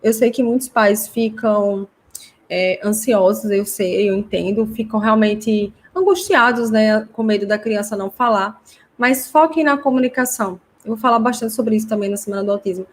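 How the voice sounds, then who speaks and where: A woman's voice: mid-range voice, moderate pace. Woman hosting a live class. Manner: chatty, explanatory, reads comments aloud. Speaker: host teaching parents. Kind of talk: live online class answering viewer comments.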